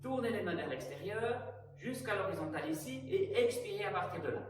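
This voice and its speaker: High-voiced man guiding aikido exercises. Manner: calm, measured cues for breathing and movement. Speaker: aikido instructor. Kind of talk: guided exercise instruction. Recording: very echoey room, distant mic, faint music.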